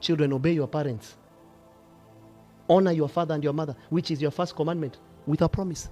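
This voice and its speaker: A middle-aged bishop with a Kenyan accent, preaching passionately, swinging from hushed asides to loud rebukes. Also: male voice, a little high, steady tone, fairly quick, soft background music. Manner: passionate, switching between whispers and shouting. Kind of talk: fiery sermon.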